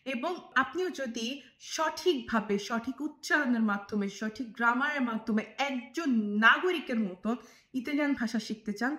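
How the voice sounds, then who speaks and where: A woman's voice: fairly high pitch, bright, forceful tone, reverberant. A woman teaching Italian pronunciation, drilling letters and syllables one at a time. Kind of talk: pronunciation lesson.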